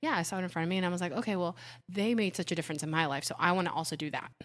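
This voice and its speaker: A young woman from Puerto Rico, a native Spanish speaker, chatting as a podcast guest in an animated, storytelling way. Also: on the low side, rapid-fire. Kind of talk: casual conversation.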